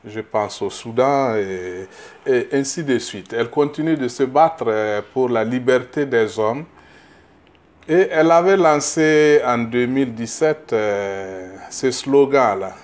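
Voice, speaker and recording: Being interviewed as a political candidate, a middle-aged Burkinabé man answers in a medium-pitched, slightly mellow voice. He talks slowly and haltingly, repeating little words as he hunts for the next, and becomes emphatic when reaching his main points.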